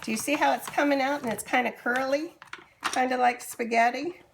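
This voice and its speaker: Woman teacher, gravelly voice, kitchen demonstration for kids, patient and slow, echoey room. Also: high voice, fairly even intonation, background noise. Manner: slow, patient, talking to young children. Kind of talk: cooking demonstration for children. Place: kitchen with running water.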